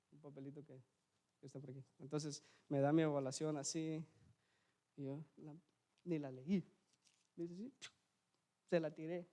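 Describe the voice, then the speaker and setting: High-voiced preacher man, chatty testimony. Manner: conversational, keeps asking ¿verdad? and addressing the brethren; frequent restarts, swings between loud emphasis and quiet asides. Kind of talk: sermon with personal testimony. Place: church.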